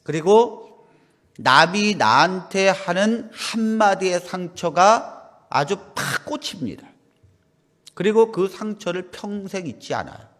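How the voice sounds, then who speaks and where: A middle-aged male pastor preaching a sermon, moving between soft asides and loud, emphatic lines, and acting out dialogue from his stories. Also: high voice, animated, slow pace. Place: small church. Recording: long reverb of a church hall.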